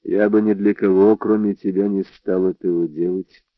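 Low-voiced man narrating a crime novel. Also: flat delivery, normal speed, no echo, phone-quality sound. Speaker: audiobook narrator.

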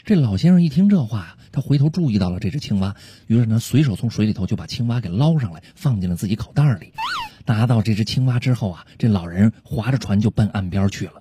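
A man's voice: on the low side, expressive, quick pace, background noise. A man narrating comic stories on a radio joke program. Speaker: joke storyteller.

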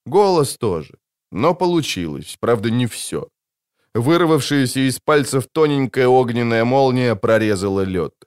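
A male audiobook narrator reads scripted prose in a steady, dramatic way. His voice sits at an ordinary middle pitch. The recording is close and dry, with no room sound. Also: a little slow, clean tone, no room sound.

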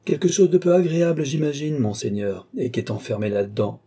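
Sly male secretary read by a man, deferential, teasing, mellow husky voice, storybook. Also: medium pitch, lively intonation, fairly quick, voice pushed up. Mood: wary. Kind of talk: audiobook character reading.

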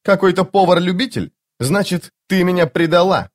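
A man's voice: sits high, moderate pace, pitched above the performer's own voice, lightly acted. A man voicing a proud, touchy young male street thief in an audiobook, talking defiantly. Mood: agitated. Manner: agitated, defiant.

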